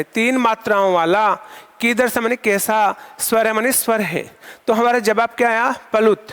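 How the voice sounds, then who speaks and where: Man teaching sanskrit, asks and answers his own questions, slow and deliberate, long hall echo. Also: extremely high pitch, fairly bright tone. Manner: asks questions and answers them himself, repeating key terms. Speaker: school lecturer teaching Sanskrit. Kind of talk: classroom lecture.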